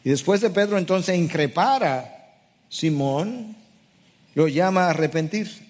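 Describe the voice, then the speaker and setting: A man's voice: high-pitched, animated, measured pace, darkish tone, long reverb tail. A middle-aged man, a pastor preaching a sermon emphatically and restating scripture verses as he explains them.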